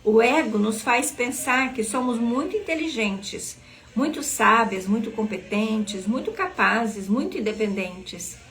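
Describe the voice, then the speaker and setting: A woman's voice: a little high, measured pace, a bit bright. Earnest woman leading a devotional. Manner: earnest, asks listeners questions directly. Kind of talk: devotional teaching reading from a book.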